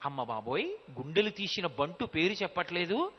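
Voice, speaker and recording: A man's voice: high voice, sing-song, moderate pace, slightly rough, pitched below the performer's own voice, heavily acted. A man voicing a mischievous young milkmaid who scolds and teases with pointed questions. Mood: teasing. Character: mischievous sharp-tongued young milkmaid woman. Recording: dull lo-fi audio with long hall reverb.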